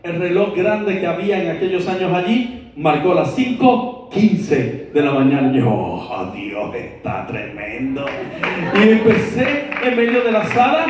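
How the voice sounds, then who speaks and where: A man preaching a sermon, telling a personal story in a lively way and acting out the voices of the people in it. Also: sits high, normal speed. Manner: storytelling, acts out quoted voices. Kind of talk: sermon testimony. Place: church hall. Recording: echoey hall, mic far off.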